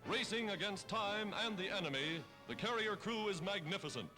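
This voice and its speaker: A man's voice: high voice, lively intonation, normal speed. A man narrating a 1940s newsreel in a dramatic, punchy announcing manner, on an old newsreel recording. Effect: old newsreel recording with music. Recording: old newsreel soundtrack with music under.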